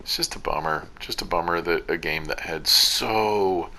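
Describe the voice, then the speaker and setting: A man's voice: sits low, normal speed, pushed and bright. A tired, sleepy man giving rambling, self-deprecating commentary over his own gameplay recording. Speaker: gaming video commentator.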